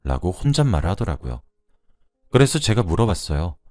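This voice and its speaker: A man's voice: low-pitched, sing-song, a little fast, darkish tone, dry recording, clean studio sound, soft background music. A man reading out a first-person true story as scripted narration.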